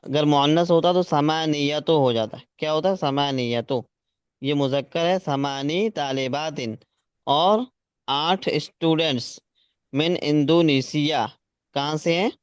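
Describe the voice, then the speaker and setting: A man's voice: on the high side, a little slow, smooth, no echo, clean studio sound. A man teaching Arabic grammar. He repeats key words for his students. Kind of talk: classroom lesson, explaining grammar.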